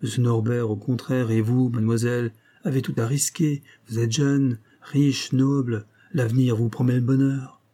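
A man's voice: mid-range voice, steady tone, normal speed, hardly any pauses, mellow, lightly acted. A man voicing an old male blackmailer who whines with false humility and sly mockery, in a read-aloud novel. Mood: whining. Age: older. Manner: wheedling, falsely humble, mocking.

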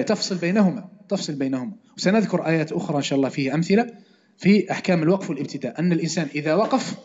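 A man gives a classroom religious lesson at a brisk clip, his voice sitting a little high. He keeps repeating key points and pausing to ask whether everyone follows. The recording is muffled and lo-fi. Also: a little mellow. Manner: repeats points, often checks if students understood. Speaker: Quran teacher. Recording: dull lo-fi recording.

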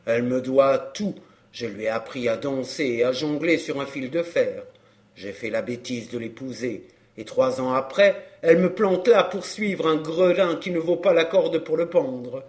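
A man doing a middle-aged fairground clown down on his luck, grumbling in rough street slang. He sounds bitter and close to tears, in a plain mid-range voice, as in a read-aloud novel. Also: mid-range voice, normal speed, lightly acted. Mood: lamenting. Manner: coarse popular slang, grumbling. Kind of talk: audiobook character reading.

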